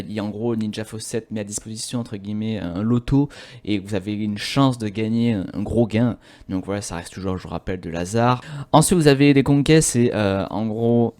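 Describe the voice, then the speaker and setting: A young man from France giving a casual, chatty walkthrough of a website as a YouTuber, with relaxed slang. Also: lowish voice. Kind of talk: casual screen-recording walkthrough.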